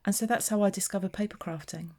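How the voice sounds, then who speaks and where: Here a woman from southeast England makes cards and chats about each step in a casual craft tutorial. She talks fast, her voice mid-range with a dark tone.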